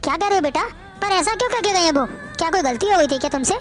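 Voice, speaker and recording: A woman's voice: extremely high pitch, lively intonation, quick pace. A woman doing a fretting old mother. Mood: worried. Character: elderly mother, gentle and worried.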